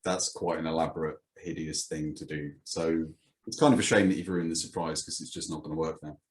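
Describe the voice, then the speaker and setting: A man's voice: very deep voice, steady tone, fairly quick. A man hosting a casual comedy chat, telling stories and asking questions in a dry, wry way. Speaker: podcast host.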